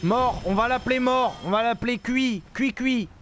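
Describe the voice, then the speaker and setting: A man commentating his own video game live, joking, swearing and talking to his chat in an excitable way. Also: extremely high pitch, normal speed, soft background music. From France. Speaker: streamer playing a video game.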